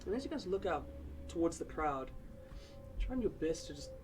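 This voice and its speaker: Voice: mid-range voice, big pitch swings, normal speed, music in the background, rough recording. A game master narrating scenes of a tabletop game in a casual, descriptive way with fillers.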